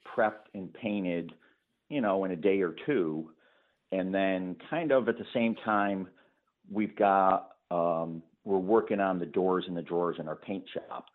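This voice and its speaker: A lower-voiced man talks through a tinny, phone-like line on a radio call-in show. He explains his painting work patiently, with lots of fillers, and laughs easily. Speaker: painting contractor guest. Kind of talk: phone-in interview.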